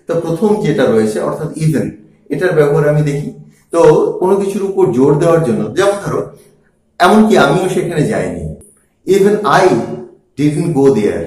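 Male teacher, grammar lesson, repeats examples slowly, lively voice, strong room echo. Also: fairly high pitch. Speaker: English teacher. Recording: very echoey room.

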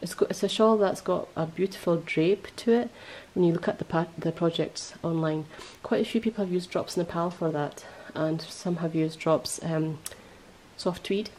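A woman hosting a podcast in casual chat, rambling and correcting herself as she goes, her voice a little hoarse. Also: fairly low pitch, moderate pace, darkish tone, a little hiss or hum, poor audio. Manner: chatty, rambling, self-correcting. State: voice going hoarse. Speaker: podcast host.

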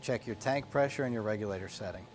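A man's voice: fairly low pitch, fast talker, noisy background. A man in his forties teaching a welding lesson, explaining each step in a plain, practical way in an indoor workshop. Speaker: welding instructor. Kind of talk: instructional demonstration. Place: indoor workshop garage studio.

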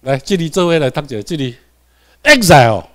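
A man's voice: on the high side, fast talker. A man from Tainan, Taiwan, with a Taiwanese accent, giving a classroom lecture. He repeats key points and keeps checking in with his students.

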